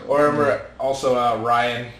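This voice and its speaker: A man's voice: medium pitch, level tone, brisk, a bit bright, roomy sound, a little hiss or hum, low-quality recording. A man chatting casually on a podcast, rambling through memories with many restarts and bursts of laughter.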